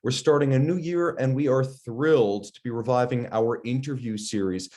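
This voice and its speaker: A man hosting a podcast, who introduces his guest and asks questions in smooth, prepared remarks. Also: medium pitch, normal speed, dark tone. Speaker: podcast host.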